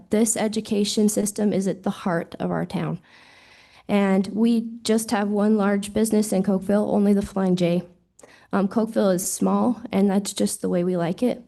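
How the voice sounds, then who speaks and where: A woman from Wyoming who has lost her voice reads a prepared public comment at a hearing, speaking into a desk microphone as a parent. Her mid-range voice is warm, with vocal fry, and her testimony sounds earnest and proud.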